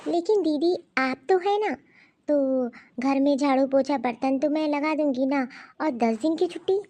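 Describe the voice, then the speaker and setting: A woman voicing a humble, hardworking housemaid in an animated cartoon story, speaking politely and deferentially. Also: high-pitched, unhurried.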